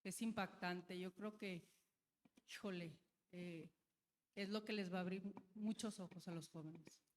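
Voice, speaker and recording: A woman's voice: lowish voice, fairly even intonation, a little slow, slight background noise. A woman, asking a question from the audience in a polite, slightly hesitant way. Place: conference hall, handheld mic.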